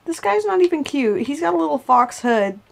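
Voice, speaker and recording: A woman's voice: high-pitched, big pitch swings, brisk, vocal fry. A woman co-hosting a let's-play, chatting casually and playfully hamming up mock sadness. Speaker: co-op gaming co-host.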